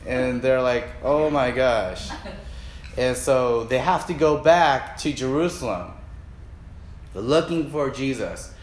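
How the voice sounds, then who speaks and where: A man's voice: medium pitch, measured pace, echoey room, slight background noise. A man preaching in a casual, joking way, acting out the Bible characters as he tells a story to his listeners. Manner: animated, jokey, acts out Bible characters.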